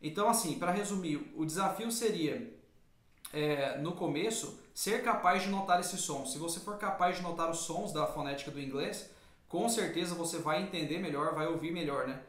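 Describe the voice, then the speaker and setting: A man from Brazil explaining language learning in a relaxed discussion. His voice sits slightly high for a man, with a roomy echo. He talks in a measured, thoughtful way, pausing on fillers. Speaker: English teacher and co-host. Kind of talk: casual lesson discussion.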